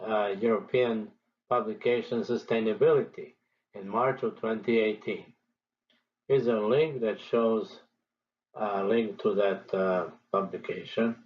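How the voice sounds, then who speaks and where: A Serbian man, a statistics professor, walks through his teaching approach in a measured, deliberate manner, pausing between points. His pitch is average, and the recording sounds slightly dull, muffled and lo-fi.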